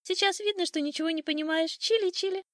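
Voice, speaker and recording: A woman voicing a cocky, boastful old male sparrow in a storybook tale, shrill and teasing. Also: fast, a bit bright, no echo, studio quality. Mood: boastful chirpy.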